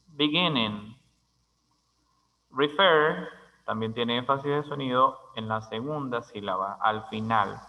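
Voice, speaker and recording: Male language teacher, unhurried and methodical, crisp tone, long room reverb. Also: mid-range voice, highs cut off. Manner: slow, deliberate, spells words letter by letter. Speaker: English teacher. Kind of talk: grammar lesson.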